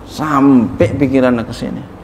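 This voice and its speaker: A man, a religious teacher, leads a sermon-style lesson in a roomy, echoing hall with faint background ambience. His voice sits at an ordinary pitch. He recites Arabic, then explains it in easy, conversational Indonesian. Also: fairly even intonation, measured pace, gravelly, a little mellow, slight background noise. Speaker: kiai teaching a classical text. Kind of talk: sermon-style kitab study. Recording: echoey room with faint ambience.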